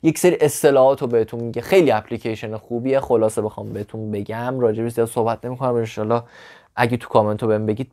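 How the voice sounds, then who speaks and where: Man teaching English tips in lively Persian. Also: mid-range voice. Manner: animated, talks straight to the viewer, blunt asides. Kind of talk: casual spoken lesson to camera.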